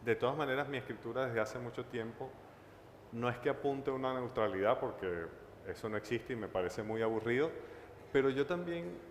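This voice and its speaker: A man's voice: mid-range voice, brisk. A man from Caracas with a Venezuelan accent, speaking thoughtfully and hesitantly as a writer on a panel, with many fillers and tag questions. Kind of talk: panel talk at a book fair. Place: large hall at a book fair. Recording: echoey hall with faint noise.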